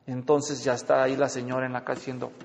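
A man giving a lively, joking seminar talk and acting out spouses' lines. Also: medium pitch, fast talker, slight background noise. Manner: animated, jokey, acts out spouses' lines. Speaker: marriage counselor and speaker. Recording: dull, lo-fi sound in a reverberant hall.

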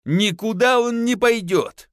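Shrill tearful peasant wife, voiced by a man, high and wailing, lively swoops, storybook reading. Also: a little slow, dry recording, studio quality. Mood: furious. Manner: wailing, scolding.

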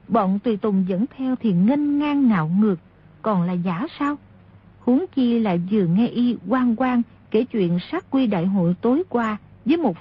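A woman narrating a martial-arts novel in a steady storytelling voice. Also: on the high side, husky. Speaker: audiobook narrator. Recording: dull lo-fi audio.

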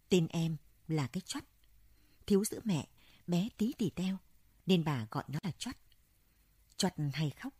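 A gentle elderly Buddhist monk speaks slowly and thoughtfully, read by a woman. The voice is low and dark. It is recorded close and dry. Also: slightly rough, no room sound, full character voice.

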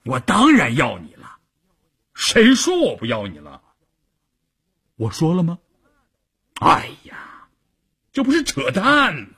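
Man doing a gruff stubborn army commander, husky, swooping pitch, storybook reading. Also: huge pitch swings, slow, long pauses, fairly bright tone, full character voice. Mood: chuckling. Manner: gruff, exasperated, chuckling. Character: blunt, stubborn middle-aged army division commander.

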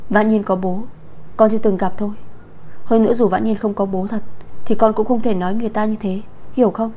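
A woman reading a story aloud, voicing a gentle, flustered kindergarten teacher. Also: mid-range voice, fairly even intonation, a little fast, natural voice. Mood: pleading. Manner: gentle, apologetic.

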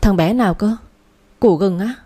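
A woman voicing a blunt, fiercely loyal young female friend who talks coarsely and fast. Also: mid-range voice, mellow, husky, lightly acted. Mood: urgent, worried.

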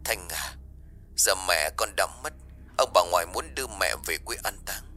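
A man voicing a grieving middle-aged father who speaks quietly and haltingly, each word choked. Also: low-pitched, expressive, soft background music, full character voice. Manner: halting, subdued.

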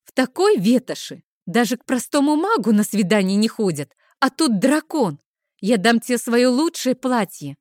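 A shrill, insistent young woman friend, excitable and bossy, as a woman narrator puts her on. Her voice climbs high and loud with every demand. The reading is dry and close. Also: normal speed, no room sound. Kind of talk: audiobook character voice.

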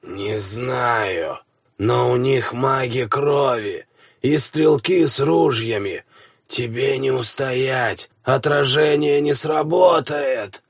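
A man voicing a dying old male warlock, a village elder who speaks in slow, wheezing, strained phrases. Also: mid-range voice, gravelly, breathy edge, dry recording, clean studio sound, full character voice. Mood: weak, dying. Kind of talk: audiobook character voice.

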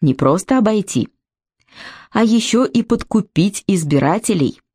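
A woman's voice: mid-range voice, expressive, a little slow, dark tone, husky, dry recording, clean studio sound, pitched above the performer's own voice. A woman reading a story aloud, voicing an earnest, naive young man who defends his ideals.

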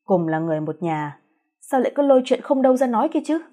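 A woman's voice: a little high, sing-song, fast, warm tone, pitched above the performer's own voice. A woman voicing an upset young husband in a storybook reading, questioning his mother indignantly.

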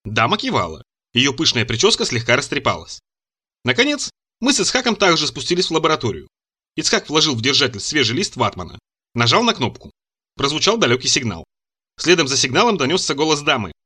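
Lively, bright-toned male storyteller. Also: mid-range voice, brisk, husky. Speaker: narrator. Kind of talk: audiobook narration.

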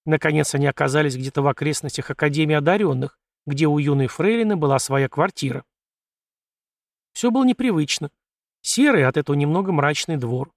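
Male audiobook narrator, somewhat high voice, steady storytelling, dry studio sound. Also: brisk, no room sound. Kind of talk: scripted narration.

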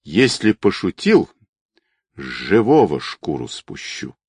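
A man's voice: low voice, huge pitch swings, slow pace, darkish tone, husky, dry recording, full character voice. A man doing a sneering, menacing fake captain. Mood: threatening. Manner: mocking, sarcastic, threatening. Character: cocky, menacing fake police captain, male.

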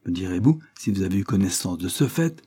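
A man voicing a gruff, nosy older male judge who bursts into loud fury. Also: deep voice, lively intonation, fairly quick. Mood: furious. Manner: bluster rising to fury.

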